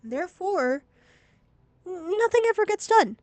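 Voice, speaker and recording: A woman's voice: very high-pitched, sing-song, unhurried, no room sound. Sweary young woman ranting on stream. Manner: blunt, sweary, exasperated ranting. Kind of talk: casual game-stream commentary. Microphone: laptop stream mic.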